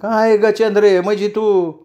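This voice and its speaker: A man's voice: high voice, flat delivery, a little slow, mellow, lo-fi sound, voice pushed up. A man doing a teasing older woman friend. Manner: teasing, scolding, familiar. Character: sharp-tongued middle-aged woman friend, teasing.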